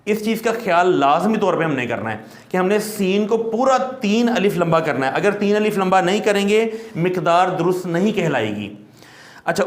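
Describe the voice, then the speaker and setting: A man with a high voice teaches a recitation class. He explains patiently and stretches letter sounds into long demonstrations. The room adds a clear echo. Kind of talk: classroom lesson.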